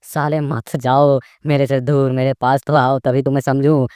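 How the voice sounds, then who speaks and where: A man's voice: mid-range voice, fairly even intonation, fairly quick, mellow, no room sound, studio quality, natural voice. A man voicing an eager young cultivator. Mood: coaxing. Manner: earnest inner musing, coaxing.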